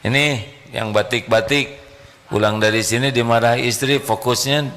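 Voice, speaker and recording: A man's voice: mid-range voice, steady tone, moderate pace, a bit bright, a little hiss or hum. A man preaching a live sermon, joking and quizzing the congregation with questions. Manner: humorous, quizzes the audience. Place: live religious gathering.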